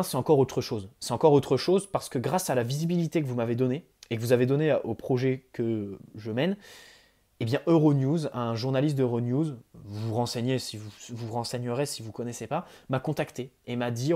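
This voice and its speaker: Chatty young man vlogging. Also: mid-range voice. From France. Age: young adult. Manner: chatty and excitable, with frequent fillers and restarts. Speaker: YouTuber. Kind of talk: casual vlog address to viewers.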